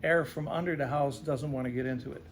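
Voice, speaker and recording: Speaking fast in a mid-range voice with fairly even intonation, a radon remediation specialist fields interview questions. His explanations stay simple, punctuated by frequent "right?" check-ins.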